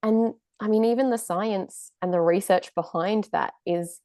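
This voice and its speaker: A woman's voice: medium pitch, unhurried, warm tone, dry recording, studio quality. A woman hosting a podcast, affirming her guest and explaining ideas in a conversational way. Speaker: podcast host.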